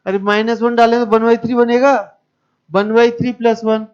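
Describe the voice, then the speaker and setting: Male math teacher, high clear voice, talks students through each step, dull lo-fi recording. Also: little pitch movement, moderate pace, darkish tone. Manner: explains step by step, questions the class. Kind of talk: classroom lecture.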